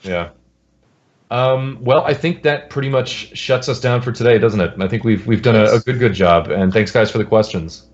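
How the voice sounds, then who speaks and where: A game developer chats loosely on a casual podcast, rambling and joking as he goes. His mid-range voice moves at a moderate pace, captured in a dull, lo-fi recording.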